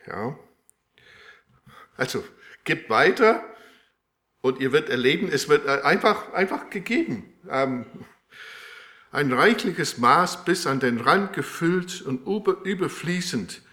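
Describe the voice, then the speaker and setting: A man preaching a sermon with a live demonstration, speaking in a halting way with many fillers and restarts. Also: fairly high pitch, expressive, bright, forceful tone. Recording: echoey room.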